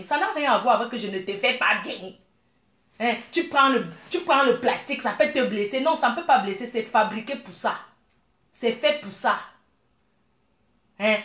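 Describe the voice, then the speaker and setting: A middle-aged woman from Cameroon, giving blunt, animated advice and calling her listeners dear. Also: high voice, echoey room. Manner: blunt, animated, calls listeners "maman" and "ma chérie". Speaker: business owner. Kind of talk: frank advice monologue.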